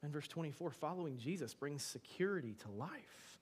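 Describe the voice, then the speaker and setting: Male pastor, fairly high voice, chatty sermon delivery that swings from quiet asides to loud emphasis, questions to the room. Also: expressive, moderate pace, slightly rough. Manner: conversational, with frequent rhetorical questions to the congregation; shifts between soft asides and emphatic bursts. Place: church before a congregation.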